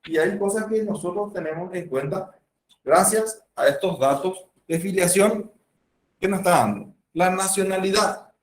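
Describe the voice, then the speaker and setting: A man's voice: sits high, measured pace. A man with a Paraguayan accent giving a university medical lecture, explaining with examples and acted patient dialogues. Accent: Paraguayan Spanish. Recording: roomy, from far off the mic.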